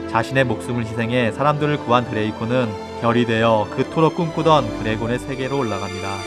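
Male voice-over for a scripted movie summary, mid-pitched, with prominent score underneath. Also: fairly quick. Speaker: film review narrator. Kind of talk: scripted movie recap narration. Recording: loud film music behind voice-over. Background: film score.

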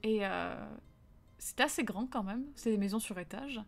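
Une jeune femme, streameuse, raconte une anecdote d'enfance en direct sur un ton familier et vivant, en jouant les répliques. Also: female voice, medium pitch, normal speed, creaky. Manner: lively anecdote-telling, acts out quotes, reads chat. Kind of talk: casual live-stream chat and storytelling.

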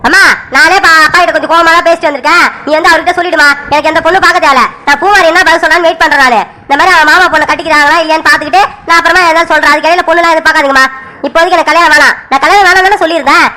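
A woman's voice: very high voice, steady tone, racing, sharp tone. A woman voicing an upset young man who complains to his mother and keeps repeating himself in a village family cartoon. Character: young man, upset son, insistent and frustrated. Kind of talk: animated cartoon serial voice.

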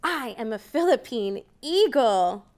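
A woman in her thirties gives an animated picture-book reading to young children indoors in a library program room. Her voice is high and swooping with big jumps in pitch, her delivery slow and clear, and her rising counts excited. She's captured by a camera at mid distance.

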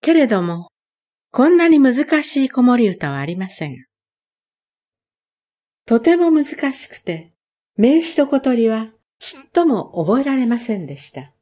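A woman reading a children's story aloud in a calm, measured way. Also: on the high side. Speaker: reader. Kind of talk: storybook narration.

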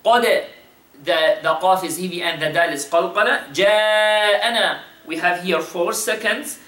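A man's voice: high voice, slow pace, sharp tone, roomy sound, recorded from a distance. A man teaching Quran recitation with Tajweed, explaining in English and patiently repeating syllables to demonstrate.

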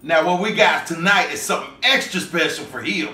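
A man's voice: fairly high pitch, lively intonation, brisk, bright, forceful tone. A young adult man in casual, slangy banter to camera, recorded at home. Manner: slangy, informal. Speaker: drinking challenge participant. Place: small home kitchen or dining room, indoors. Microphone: camera or phone a few feet away. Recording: roomy, distant mic, faint noise.

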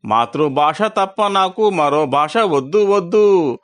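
A hungry orphaned kitten, voiced by a man, asks its questions in a slow, pleading sing-song. The voice sits somewhat high and stubbornly refuses every other animal's call. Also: lively intonation.

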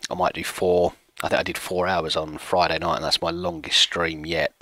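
Chatty low-voiced man in his thirties. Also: flat delivery, normal speed, sharp tone, no echo. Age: 30s. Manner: chatty, self-mocking, reads chat aloud. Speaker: streamer. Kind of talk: casual chat with stream viewers while playing. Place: home room at a desk.

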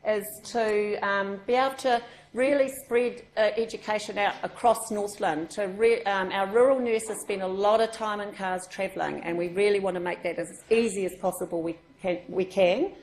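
A woman with a New Zealand accent, an education session organiser, welcomes a group to a meeting in a casual, chatty way full of ums and restarts. Her mid-range, darkish voice keeps a fairly even intonation at a normal pace. A far room microphone picks her up in an echoey meeting room.

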